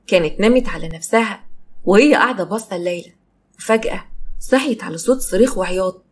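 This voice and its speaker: A woman with an Egyptian accent narrating a story in a steady storytelling manner. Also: medium pitch, fast talker, slight background noise. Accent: Egyptian Arabic.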